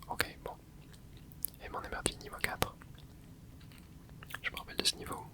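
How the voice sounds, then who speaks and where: An ASMR creator narrates her video gameplay in a hushed, unvoiced whisper throughout, moving at a moderate clip; her talk is hesitant and rambling, packed with fillers and restarts.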